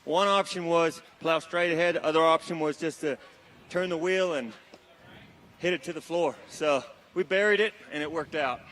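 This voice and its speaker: A man's voice: fairly high pitch, normal speed, a bit bright, slight background noise. A man, a race driver, talking in a laid-back, joking way right after his run. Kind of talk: casual interview. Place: outdoors at a race finish line.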